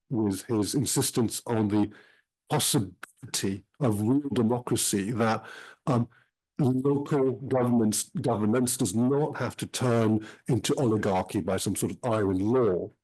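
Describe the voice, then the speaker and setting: A middle-aged man speaks at a middle pitch, giving an academic talk. He weighs his words, filling the gaps with frequent ums. His delivery is careful and reflective. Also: warm tone, low-quality recording. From Switzerland. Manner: measured, frequent um pauses. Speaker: historian giving a talk about his book.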